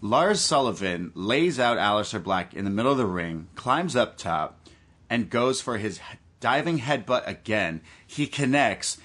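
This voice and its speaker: A man's voice: on the low side, big pitch swings, a little slow, fairly bright tone. A man hosting a podcast, giving a casual, enthusiastic fan's recap of a wrestling match. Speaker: podcast host.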